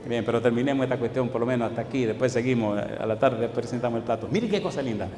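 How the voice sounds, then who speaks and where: A male pastor preaching a sermon in a church, firing rhetorical questions at the congregation and swinging between loud declaiming and quiet asides. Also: mid-range voice, fast, slight background noise. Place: church sanctuary. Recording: echoey church hall with long reverb.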